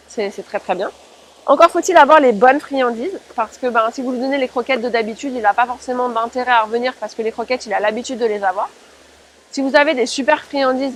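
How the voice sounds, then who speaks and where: A woman's voice: high-pitched, a bit bright, a little hiss or hum, poor audio. A woman giving an informal spoken tutorial as a dog-training presenter, explaining step by step and addressing listeners directly.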